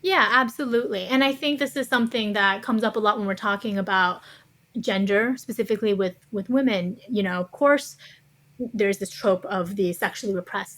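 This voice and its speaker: This author, a guest on a podcast interview, has a medium-pitched voice with a fairly bright tone. She lays out her opinions in a relaxed, conversational manner, thinking them through and hedging them with care.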